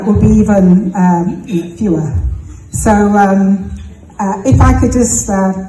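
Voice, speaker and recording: A woman's voice: mid-range voice, noisy background. A woman judge gives a sincere, hesitant speech full of fillers, making an appeal to the audience. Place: banquet hall at gala dinner. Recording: echoey hall, distant mic, music behind.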